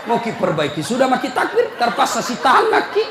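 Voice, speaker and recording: A man preaching a humorous sermon, teasing and scolding his listeners and often breaking into shouts. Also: very high voice, wildly swooping pitch, brisk. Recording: echoey hall, faint crowd and noise.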